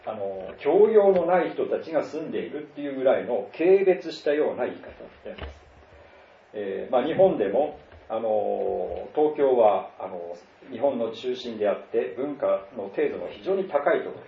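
A middle-aged man from northern Japan preaching a sermon in an easygoing, conversational way, pausing often with fillers. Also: medium pitch, expressive, vocal fry, slight background noise. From Tohoku, Japan. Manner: conversational, many fillers and pauses. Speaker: pastor. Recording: roomy, distant, dull lo-fi sound.

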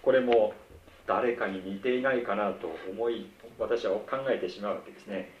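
A middle-aged man preaching a sermon in a conversational, measured way, acting out the quoted lines. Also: on the low side, steady tone, lo-fi sound, a little hiss or hum. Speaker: pastor. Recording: roomy, distant mic with faint ambience.

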